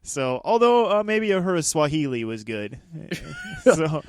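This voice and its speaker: A man's voice: on the high side, sing-song, a little slow, clean tone. A man co-hosting a movie podcast, chatting casually and animatedly, often laughing as he talks. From Dakotas, United States. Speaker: podcast co-host. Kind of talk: casual chat.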